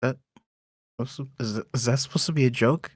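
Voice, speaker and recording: A man's voice: medium pitch, a little fast, slightly rough, no echo, studio quality. A man joking sardonically in casual banter on a game stream.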